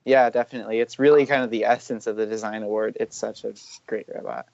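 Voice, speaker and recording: Guy talking robot design, kinda low voice, dry dull audio. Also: steady tone, fast talker, vocal fry, darkish tone, dry recording. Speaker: robotics panelist. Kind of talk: casual panel chat.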